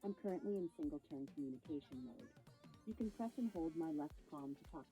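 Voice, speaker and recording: A woman's synthetic voice giving flat system announcements for a toy's network setup. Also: low voice, brisk, faint music behind. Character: toy's robotic network status voice.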